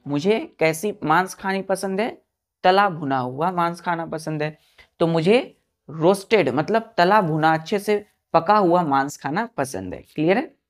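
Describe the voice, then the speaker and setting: A woman teaching English vocabulary in an exam-prep lesson, spelling words letter by letter, repeating each meaning patiently and quizzing her pupils. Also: fairly low pitch.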